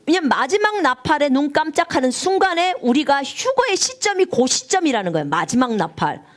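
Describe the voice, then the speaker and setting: High, lively woman preacher. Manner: emotional storytelling, voice rising and breaking into tears. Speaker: missionary preacher. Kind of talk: live-streamed sermon testimony.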